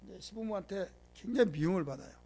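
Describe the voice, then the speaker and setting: A man preaching a Bible lecture to a congregation. He leads call-and-response, has them repeat phrases, and swings from loud emphasis to quiet asides. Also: high-pitched, lively intonation, fast talker. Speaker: pastor. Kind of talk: sermon lecture.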